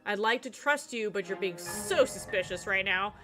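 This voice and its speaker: A woman's voice: medium pitch, expressive, normal speed. A young adult woman streaming a game, chatting playfully with her viewers and often giggling. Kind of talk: live game stream commentary. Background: game music.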